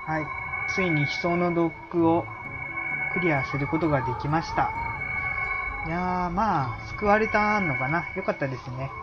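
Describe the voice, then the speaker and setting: Relaxed, chatty playthrough commentator, slightly dull sound, music underneath. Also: medium pitch, normal speed. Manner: chatty, musing, many fillers. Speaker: game player commentator. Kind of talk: casual gameplay commentary.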